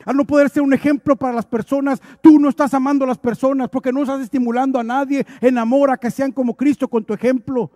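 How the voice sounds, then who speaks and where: A man's voice: extremely high pitch, fairly even intonation, fast, hardly any pauses, dark tone, no echo, studio quality. A male preacher delivering an emphatic, exhorting sermon, lightened with humorous acted asides.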